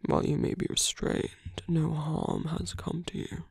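Using a full character voice, a male voice actor portrays a calm, seductive villain leader gently persuading a captive hero in an ASMR roleplay. Slightly high, breathy, and husky, he often whispers, speaking slowly in an intimate, earnest, persuasive manner. The recording is dry, captured on a close microphone.

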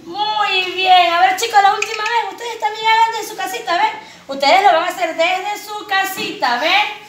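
A woman preschool teacher giving an online phonics lesson, talking to small children in a slow sing-song with drawn-out words and coaxing questions. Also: extremely high pitch, fairly bright tone. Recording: echoey room, voice from a distance.

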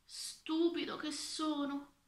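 A worried court official from a children's tale frets to himself in a slightly raised voice, as a woman puts him on. The timbre is bright. The reading sounds echoey. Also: a little high, expressive, measured pace, voice pushed up. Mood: fretful. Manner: anxious, self-doubting. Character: worried male court official, self-doubting. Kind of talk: reading a children's storybook aloud.

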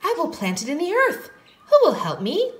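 A woman voicing a hardworking, cheerful little red hen in a storybook read-aloud for preschoolers, with a high, bright, sing-song voice. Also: wildly swooping pitch, normal speed, exaggerated voice. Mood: eager.

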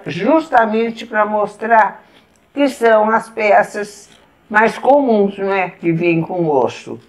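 A woman with a Brazilian Portuguese accent, patiently showing step by step how to eat at the table and pausing to eat as she goes. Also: medium pitch. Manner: patient, explains step by step while eating. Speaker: etiquette instructor. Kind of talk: casual demonstration.

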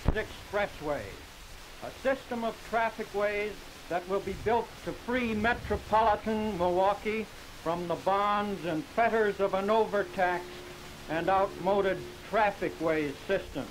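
A man giving a formal ceremonial speech in stately, measured oratory, heard as old 1950s newsreel audio. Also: sits high, rough recording. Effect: old 1950s newsreel audio with hiss. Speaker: speaker at a public groundbreaking.

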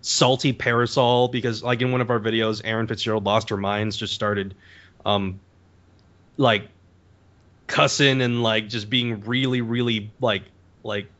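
A man guesting on a podcast as a voice actor, telling stories in a casual, animated way full of "like" and "um". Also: on the low side, a little slow, dull audio. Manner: animated storyteller, peppered with "like" and "um".

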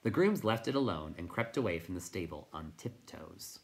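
A man reading a children's novel aloud as a teacher, in expressive storytelling narration. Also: low-pitched, normal speed.

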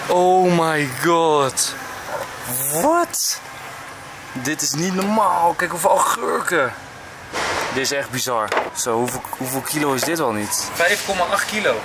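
Lively young man vlogging in noisy store. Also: on the high side, measured pace. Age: young adult. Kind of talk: casual chat. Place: large wholesale supermarket, indoors. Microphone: handheld camera at arm's length. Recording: very noisy shop ambience.

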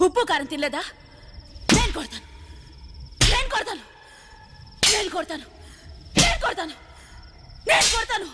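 A woman's voice: extremely high pitch, very animated, moderate pace, pauses often, heavy background noise. An actress playing a fierce, volatile young woman in a film drama, talking in a taunting, commanding way. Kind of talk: Telugu film drama acting.

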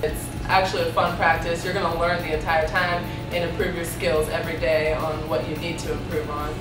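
A young woman with a slightly low voice speaks playfully about her teammates. The locker room echoes, and she is far from the mic. Music sits underneath. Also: little pitch movement, a little fast. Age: young adult. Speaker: college basketball player. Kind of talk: team promo interview.

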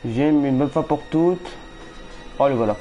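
A man commentating a horror game live, nervous and jittery, repeating words when scared, his voice going hoarse. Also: medium pitch, unhurried, warm tone, soft background music. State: losing his voice.

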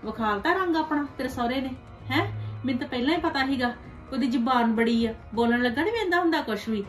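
A woman playing a meddling, sharp-tongued village aunt who gossips and scolds in a web series drama. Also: high voice, lively intonation, fast, soft background music. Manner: gossipy, scolding, ends remarks with "haiṅ?". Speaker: paternal aunt.

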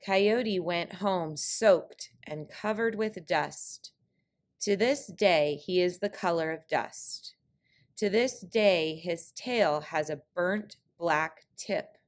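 A woman reading a trickster tale picture book aloud as scripted narration, with deliberate, clearly phrased storytelling. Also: on the low side.

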